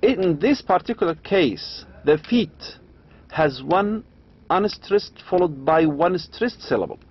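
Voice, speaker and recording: A man with an Arabic accent lecturing on poetry, reading slowly and adding quick asides. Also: on the high side, animated, breathy edge. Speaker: university lecturer. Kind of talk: lecture explaining English meter, mixing English and Arabic. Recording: dull lo-fi lecture recording.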